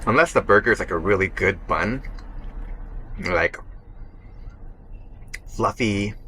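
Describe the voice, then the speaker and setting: A man's voice: fairly low pitch, unhurried, bright, forceful tone, slight background noise. Chatty young man vlogging over a burger. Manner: chatty, eating between sentences, talking with mouth full. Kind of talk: casual vlog talk to camera while eating. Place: burger restaurant.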